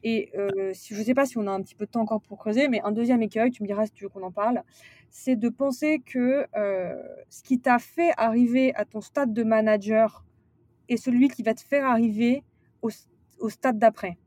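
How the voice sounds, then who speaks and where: A woman's voice: fairly high pitch, moderate pace, a little mellow, dry recording, clean studio sound. A woman talking as a podcast guest about management, speaking casually with many fillers and restarts. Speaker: guest, sales director turned manager. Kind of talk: casual interview conversation.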